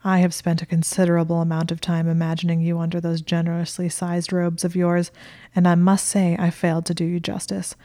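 A smug young wizard who savors every long word, as a woman reads him aloud. The voice sits low and dark, with a creaky edge and little rise and fall. The sound is close and dry. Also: monotone, brisk, dry recording, natural voice. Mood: teasing.

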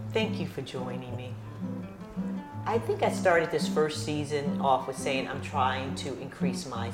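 A woman hosting a casual cooking show, chatty and repeating phrases for emphasis, recorded in a kitchen. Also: rumbling low. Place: home kitchen. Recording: echoey kitchen with guitar music.

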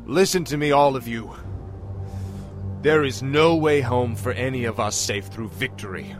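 An actor playing a proud, vengeful young warrior prince in a fantasy video game, commanding and intense. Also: male voice, mid-range voice, unhurried, close to an everyday voice. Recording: music behind the voice.

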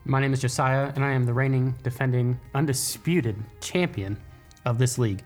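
A man's voice: medium pitch, moderate pace, a little mellow, faint music behind. A man breaking into the show as a hijacked broadcast, boasting dryly in a mock commercial. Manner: dry, boastful mock-ad delivery. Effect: hijacked broadcast, a mock interruption of the show. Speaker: co-presenter of a mock ad, league champion.

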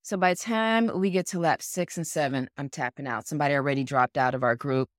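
A woman in her forties with a low, deep speaking voice tells a personal story on a podcast. She is frank and animated, swears now and then and acts out other people's words. The sound is dry, with no room echo. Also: fast. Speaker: podcast co-host. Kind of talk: casual storytelling.

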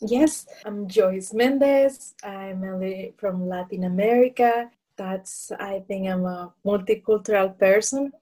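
A woman, answering interview questions thoughtfully and pausing to search for words. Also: mid-range voice, mellow. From Colombia. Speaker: guest.

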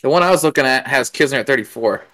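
A man's voice: medium pitch, expressive, racing, sharp tone. A man in a casual podcast chat who laughs often and swears in easygoing banter.

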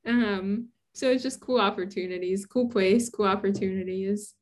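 A chatty woman in her thirties from Brooklyn, talking as an interview guest at an ordinary mid pitch. She laughs often and keeps the tone casual and open. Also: steady tone, normal speed. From Brooklyn, New York. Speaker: guest scientist.

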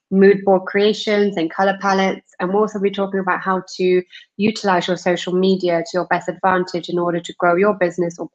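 Chatty woman podcast host, lo-fi sound. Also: on the low side. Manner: chatty, many ums and restarts. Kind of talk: remote podcast interview.

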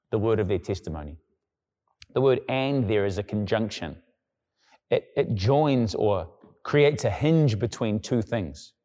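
Preaching conversationally, a male pastor occasionally imitates quoted figures by dropping to a lower, quieter voice. The sound carries a long tail of reverb.

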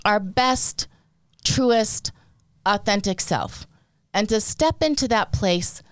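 A woman's voice: mid-range voice, lively intonation, slow pace, dry recording, clean studio sound. A woman co-hosting a podcast, talking in an earnest, emotional and emphatic way about showing up for others. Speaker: podcast co-host. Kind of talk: heartfelt casual podcast talk.

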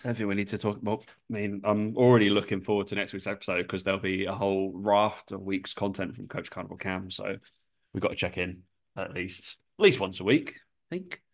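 Deep-voiced and talking a little fast, a man co-hosts a podcast in relaxed conversation. Lots of swearing and laughter run through his talk, and his voice is slightly nasal from a leftover cold.

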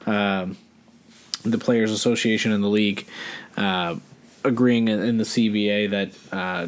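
Man, lowish voice, podcast co-host, casual rambling sports talk, lots of fillers. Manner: rambling, filler-heavy, many restarts.

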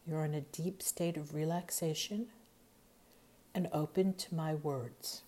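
A woman narrating a scripted guided meditation in a soothing, hypnotic, measured way, softening into breathiness at the ends of phrases. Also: low-pitched, steady tone. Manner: soothing, measured, hypnotic delivery with long pauses.

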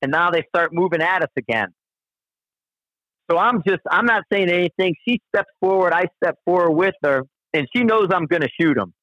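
A man's voice: high voice, expressive, normal speed, no room sound. A man telling a long outdoor story in casual conversation, rambling and profane, with frequent restarts. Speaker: guest storyteller. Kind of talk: casual spoken anecdote. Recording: dull, dry lo-fi recording.

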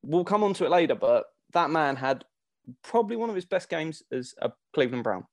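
A man with a fairly high voice talks through sports analysis in a casual podcast style. He thinks aloud in a halting way, and the recording is dry and close, without room sound. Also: big pitch swings, no echo. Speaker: podcast co-host analysing games.

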